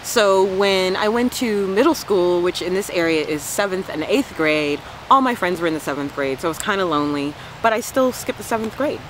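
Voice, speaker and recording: A woman's voice: on the low side, fairly quick, hardly any pauses, a little hiss or hum, low-quality recording. Playful woman in her forties, outdoors. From Washington, D.C. area, US. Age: 40s. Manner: playful, laughs often, lively self-mocking asides. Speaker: vlogger. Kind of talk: casual chat to camera. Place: outdoors on a lawn by trees. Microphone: camera mic at close range.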